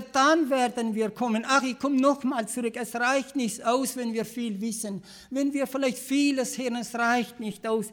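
A man with a Swabian accent preaching a sermon, earnest and repetitive, often restarting phrases and clearing his throat. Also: extremely high pitch, a bit bright.

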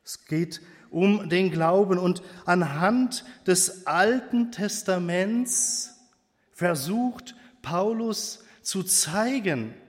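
A man preaching a sermon in a church, speaking slowly and hesitantly with pauses and fillers. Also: high-pitched, lively intonation, big-room sound.

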